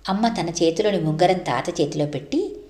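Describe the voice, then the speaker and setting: A woman's voice: lowish voice, expressive, normal speed, darkish tone. Woman reading an audiobook, echoey. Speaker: audiobook narrator. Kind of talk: scripted narration. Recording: echoey room.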